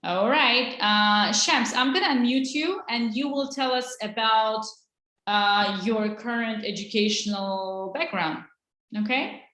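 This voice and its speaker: A woman's voice: on the high side, slow pace, pushed and bright, reverberant. A woman, teaching an online English lesson in an encouraging way. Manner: encouraging, switches between English and Azerbaijani.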